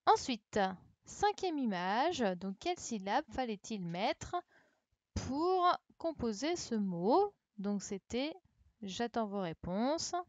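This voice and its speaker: A woman's voice: fairly high pitch, sing-song, slow pace, no room sound. A woman teaching a primary class over a live stream, patient and encouraging, repeating each answer for the children. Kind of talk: online class correction, speaking slowly to children. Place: home, remote livestream. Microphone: computer mic on a live stream.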